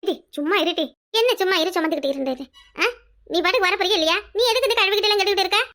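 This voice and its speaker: A very high, bright, quick voice for a scolding old mother-in-law in a village cartoon, done by a woman. She nags and complains dramatically in Kanyakumari Tamil, sharp-tongued and bossy. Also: exaggerated voice. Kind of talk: cartoon voice acting.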